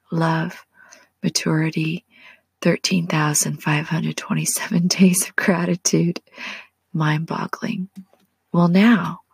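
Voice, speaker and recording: Slow breathy whispering woman in her forties. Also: lowish voice, no echo. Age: 40s. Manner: slow, soft and prayerful, speaks directly to the listener. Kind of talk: whispered devotional and guided relaxation.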